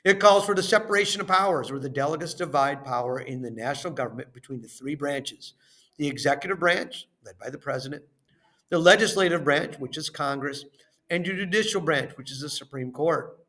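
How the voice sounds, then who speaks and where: A man with a high-leaning, sharp-toned voice plays teacher, reading a lesson and worksheet questions. Each phrase starts with emphasis and trails away, all in a deliberate, instructional style.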